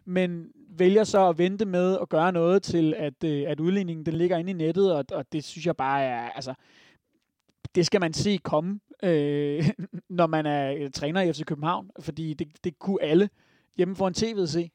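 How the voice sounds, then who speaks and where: A man's voice: fairly high pitch, a little mellow, dry recording. A Danish man giving strong opinions on football in a casual podcast chat, with many fillers. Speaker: podcast panelist.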